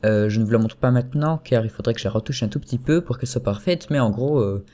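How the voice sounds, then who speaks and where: A fast-talking young man with a medium-pitched voice records a laid-back software tutorial from his computer screen. He rambles chattily and hesitantly, full of fillers and frequent self-corrections.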